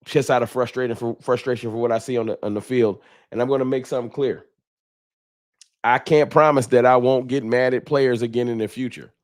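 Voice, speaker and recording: A little fast and steady in tone, this American livestream host's medium-pitched voice comes through in studio quality without echo. He makes sports fan content, speaking colloquially and openly to viewers while reading their chat.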